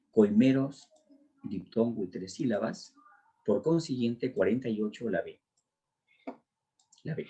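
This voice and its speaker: A man's voice: mid-range voice, gravelly, dark tone, husky. A man teaching a pre-university exam class, working through language questions one by one in a drilling lecture style. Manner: drilling, walks through answers step by step.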